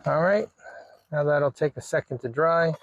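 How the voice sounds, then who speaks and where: Fairly high in pitch and moving at a moderate pace, this man's voice comes through with no echo. In his informal DIY vlog he shows a radio install, thinking out loud as he goes.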